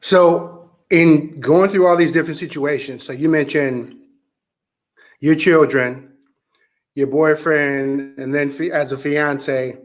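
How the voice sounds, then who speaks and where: A man hosting an interview, asking measured, probing questions. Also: fairly high pitch. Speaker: interview host.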